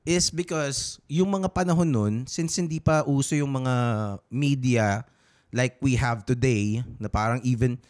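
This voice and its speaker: A man's voice: medium pitch, steady tone, a little slow, a little mellow. A man with a Filipino accent co-hosting a podcast, talking casually in a rambling, hesitant way with many fillers and restarts, switching between Tagalog and English. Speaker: podcast co-host. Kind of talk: casual chat.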